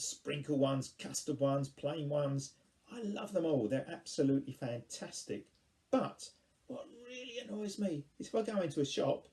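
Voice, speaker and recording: A middle-aged man from England performing funny poems for children from his home office, his voice jumping up high and loud in the verses. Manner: animated, pitch leaps up in recited verse. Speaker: children's poet. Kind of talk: lively poetry performance for children.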